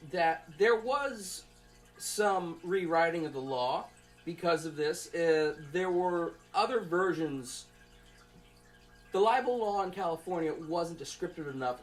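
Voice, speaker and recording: A young adult college student with a medium-pitched voice gives an informal class presentation. The delivery is conversational, rambling and halting, as if thinking aloud.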